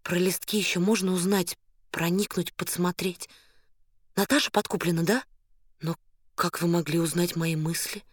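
A man reading an audiobook, voicing an anxious young woman in a high falsetto, her talk agitated and imploring. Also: steady tone, moderate pace, no room sound, studio quality. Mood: bewildered. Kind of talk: audiobook character voice.

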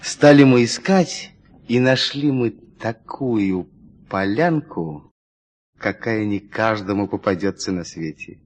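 Male narrator, husky tone, very animated story reading. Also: lowish voice, slow pace. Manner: lively, dramatic storytelling with shifting emphasis.

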